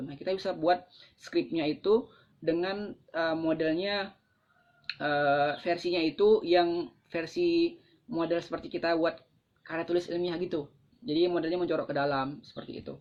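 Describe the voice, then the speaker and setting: Indonesian-accented mentor, casual conversational teaching, mid pitch, slightly lo-fi. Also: darkish tone. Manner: conversational, explains with acted examples, frequent fillers. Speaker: presentation skills mentor. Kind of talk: casual live-stream teaching talk. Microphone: phone. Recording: slightly dull lo-fi live-stream audio.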